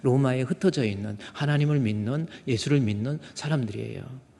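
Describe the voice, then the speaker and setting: A male pastor with a mid-range, fairly quick, creaky, mellow voice preaches a sermon conversationally, often throwing rhetorical questions at the congregation. He's in a church sanctuary, and the recording carries the long reverb of a church hall.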